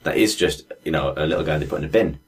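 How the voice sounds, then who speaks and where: A man's voice: very deep voice, fast, husky. A man co-hosting a podcast, talking in casual, profane, emphatic chat and laughing often. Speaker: podcast co-host.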